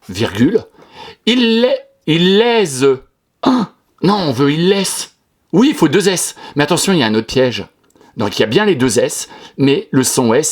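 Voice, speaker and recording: A man teaching a class, correcting a pupil's written text line by line in an encouraging, sing-song way. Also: medium pitch. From France. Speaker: primary school teacher.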